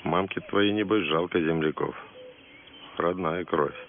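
An actor playing a gruff, down-to-earth soldier who speaks bluntly and colloquially. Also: male voice, sits low, unhurried. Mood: probing, wry. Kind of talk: film acting. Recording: phone-like film audio, faint outdoor noise.

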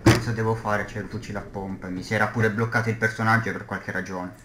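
A man's voice: lowish voice, little pitch movement, fast talker. A man commenting casually as he plays a game, given to explosive, exasperated cursing. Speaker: gamer recording own gameplay. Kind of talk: casual gaming commentary while playing. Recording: roomy, clearly noisy home recording with clicks.

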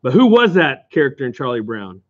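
A man's voice: mid-range voice, sing-song, a little fast. Jokey man hawking cards on a stream. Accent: Oklahoma. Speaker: game store host. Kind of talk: live stream card sale chat. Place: game store. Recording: dull lo-fi stream audio.

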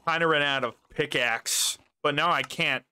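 A man's voice: on the high side, moderate pace, bright, forceful tone, a little hiss or hum. A young man hosting a gaming video, chatting casually, swearing often and rambling when he gets exasperated. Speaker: gaming channel host. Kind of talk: casual gameplay chat.

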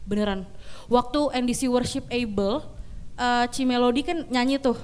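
A young woman giving a casual youth sermon, chatty and animated, slipping English phrases into her storytelling. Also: fairly high pitch, normal speed, clear, resonant tone. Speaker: youth pastor.

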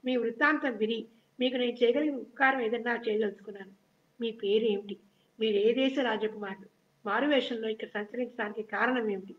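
A woman's voice: fairly high pitch, fairly even intonation, a little fast, lightly acted. A woman reading the lines of a clever, bold female painter and go-between who coaxes and scolds, in a children's story reading. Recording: dull lo-fi recording.

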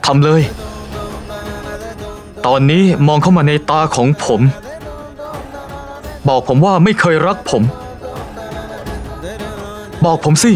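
An actor playing a persistent male con man who poses as a prince, in a dubbed drama. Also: high voice. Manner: persistent, challenging, pleading.

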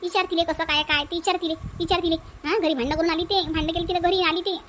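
A woman's voice: very high-pitched, steady tone, fast, fairly bright tone, a little hiss or hum. A woman voicing a stubborn, scolding village mother in a cartoon dub, with a Varhadi Marathi accent. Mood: complaining. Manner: scolding, repetitive. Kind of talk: cartoon dubbing.

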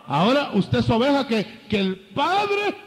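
An older man preaching a sermon, lively, acting out biblical dialogue in changing voices. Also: very high-pitched, measured pace, long reverb tail.

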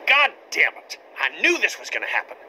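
A man playing a hot-tempered, foul-mouthed survivor in a dramatic video game, blunt and gruff. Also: high-pitched, very animated, moderate pace, pushed and bright, a little hiss or hum, full character voice. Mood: angry, impatient.

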